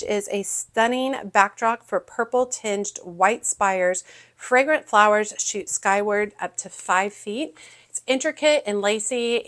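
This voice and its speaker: A woman with a Southern US accent talks through a plant catalog in a relaxed, chatty way. She pauses on ums and restarts her sentences, like a gardening host reading picks aloud at home. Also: medium pitch. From Texas, US. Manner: chatty, with frequent ums and self-corrections. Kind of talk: casual catalog walkthrough.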